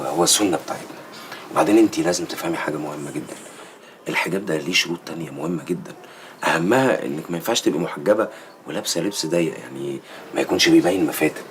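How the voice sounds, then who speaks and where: Brother, preachy, Egyptian accent, bass voice, faint hiss behind. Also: male voice. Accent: Egyptian Arabic. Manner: lecturing, earnest. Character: stern pious brother, adult man, preachy. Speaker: brother lecturing his sister. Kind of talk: TV series acting.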